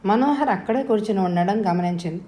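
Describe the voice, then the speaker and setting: A woman narrates an audio novel in a steady, measured way. Her voice is mellow and darkly soft, and the recording carries a noticeable roomy echo. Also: medium pitch, slight background noise. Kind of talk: scripted narration.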